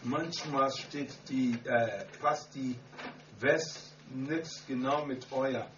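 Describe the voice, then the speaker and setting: A man preaching a sermon and telling his own story in halting German full of grammar slips. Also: medium pitch. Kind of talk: sermon with personal testimony. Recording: echoey, muffled distant hall recording with hum.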